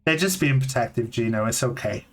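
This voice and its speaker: A man in his late thirties streaming live from a home setup. He talks casually and candidly, restarting sentences often and filling pauses with "like.". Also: medium pitch. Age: 30s. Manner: halting, candid, full of "like" fillers and restarts. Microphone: desk mic on a long cable. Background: faint lo-fi music playing.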